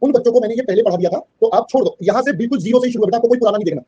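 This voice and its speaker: A man's voice: very high voice, rapid-fire, mellow, slightly rough, muffled recording. A man teaching an online class in a mix of Hindi and English. He keeps checking that the students understand and calls them "beta".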